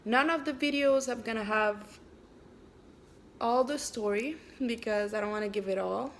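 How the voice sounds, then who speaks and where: A woman who grew up in Canada, a native French speaker, introduces her own story and then reads it aloud, hesitantly, with frequent pauses and fillers. Her voice is fairly high, and there's a little hiss or hum.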